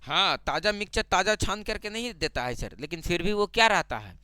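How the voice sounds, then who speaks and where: A man teaches a math lesson. He drills the class with repeated call-and-response questions. His voice is high, smooth and resonant, and it sounds dry and close. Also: sing-song, fairly quick, sharp tone, no echo.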